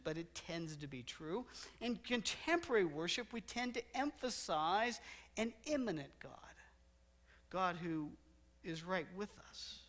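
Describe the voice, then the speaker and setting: Pacing the stage of a church sanctuary and gesturing, a middle-aged pastor delivers a sermon, slowing to emphasize words he repeats. He speaks with a high, slightly bright voice.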